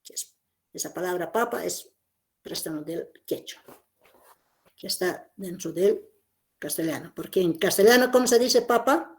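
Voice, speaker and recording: A woman's voice: fairly low pitch, a little slow, pauses often. Lady teacher walking a class through phonetics, repeats stuff, keeps asking "¿no?". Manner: explanatory, repeats key points, checks with "¿no?". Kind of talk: classroom lecture.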